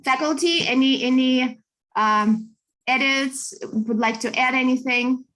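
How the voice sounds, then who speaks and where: Woman from Russia, Russian native, study abroad advisor, upbeat video-call presenter, slightly high voice. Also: measured pace, a bit bright. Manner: upbeat, chatty, many fillers. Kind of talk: online information session.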